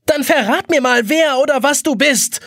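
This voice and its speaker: A man's voice: sits high, very animated, normal speed, husky, no room sound, clean studio sound, pitched above the performer's own voice, heavily acted. Man voicing an impatient, hot-tempered boy. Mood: shouting. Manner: impatient, snaps and shouts. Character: impatient stubborn young boy, quick to anger.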